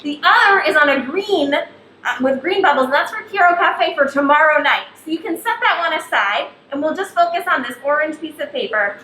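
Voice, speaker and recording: A woman's voice: high-pitched, lively intonation, a little fast, bright, forceful tone. A woman hosting a live cooking show, upbeat and talking straight to the viewers at home. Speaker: host. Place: kitchen. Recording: echoey kitchen, faint background noise.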